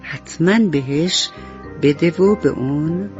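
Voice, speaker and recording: A woman narrating a bedtime story for children on the radio, slow and affectionate. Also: sits low. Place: radio studio. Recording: dull lo-fi radio recording with soft music.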